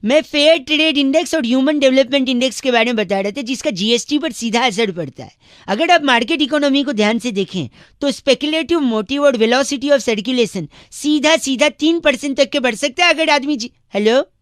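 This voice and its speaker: A man making prank phone calls in a high boyish put-on voice, rattling off mock-serious nonsense and giggling. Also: moderate pace, fairly bright tone, dry recording, clean studio sound. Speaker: radio prank caller.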